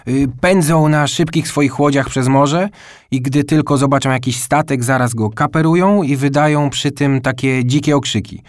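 A man voicing an excited older boy telling pirate tales in an audiobook. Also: mid-range voice, moderate pace, no room sound, studio quality, pitched above the performer's own voice, close to an everyday voice. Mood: eager.

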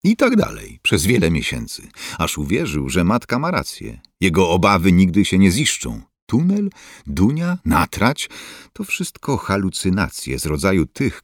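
A man reading a novel aloud as narrator, expressive and measured. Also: low-pitched, no room sound, clean studio sound. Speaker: audiobook narrator. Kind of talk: scripted narration.

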